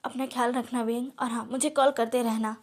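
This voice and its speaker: A woman's voice: on the high side, flat delivery, fairly quick, a little mellow, close to an everyday voice. A woman voicing an affectionate elder sister in a storybook reading. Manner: affectionate, fussing. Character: caring young woman, loving elder sister.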